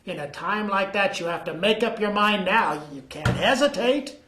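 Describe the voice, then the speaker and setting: A man's voice: high voice, lively intonation, normal speed, background noise. Folksy jokey man reading old news. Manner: folksy, jokey, acts out quotes. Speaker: co-host. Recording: echoey room.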